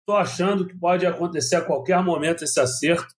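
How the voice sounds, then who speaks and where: A man's voice: fairly high pitch, a little fast. A man, a sports reporter, chatting on a podcast, rambling with restarts and coughing from a dry mouth. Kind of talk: casual podcast chat.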